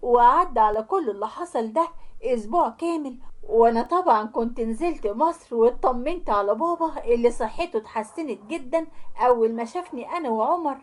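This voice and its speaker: A woman with an Egyptian accent telling a dramatic family story in the first person, in a lively, emotional way. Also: on the high side, a little fast. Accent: Egyptian Arabic.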